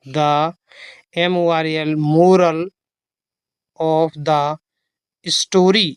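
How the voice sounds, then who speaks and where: Very slow, patient reading teacher. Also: mid-range voice, steady tone, clear, resonant tone, no room sound. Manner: spells letters aloud one by one, patient and explanatory. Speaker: English teacher. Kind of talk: slow phonics reading lesson, spelling words out.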